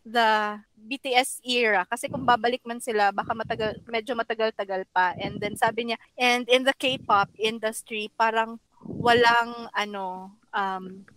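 A woman's voice: fairly high pitch, fairly even intonation, a little slow, fairly bright tone, no room sound. A woman co-hosting a podcast in casual chat, mixing English phrases into her talk. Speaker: podcast co-host.

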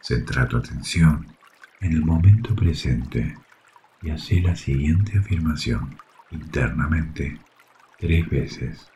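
A man with a Rioplatense Spanish accent leads a guided sleep meditation in a soft, soothing, hushed delivery with long pauses. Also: rumbling low, a little hiss or hum. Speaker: yoga nidra guide. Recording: faint water ambience behind voice. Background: trickling water sounds.

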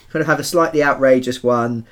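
A man's voice: mid-range voice, fairly even intonation, fast, fairly bright tone. A man co-hosting a podcast, chatting casually about a video game in a rambling, joking way with many fillers. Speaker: podcast co-host.

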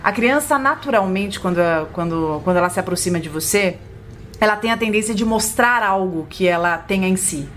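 Casting: woman psychologist, podcast co-host, gentle explanatory delivery. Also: a little fast, a little hiss or hum. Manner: gentle, explanatory, lively pitch when voicing a parent to a child.

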